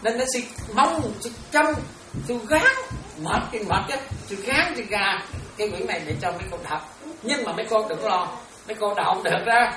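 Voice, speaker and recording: A woman's voice: mid-range voice, lively intonation, moderate pace. A woman, a Buddhist nun, giving an informal, chatty dharma talk, laughing often and calling her listeners her children. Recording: roomy, from far off, crowd around.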